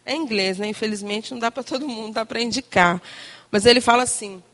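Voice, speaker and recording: A woman giving an informal, chatty sermon to a congregation, animated and full of tag questions and quoted asides. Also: fairly high pitch, brisk. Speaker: church speaker addressing women.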